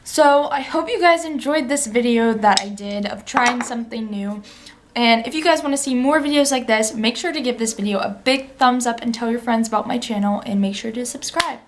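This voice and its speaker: Young female cooking vlogger, casual and chatty, voice on the higher side. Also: normal speed, slight background noise. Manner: chatty, talks straight to viewers.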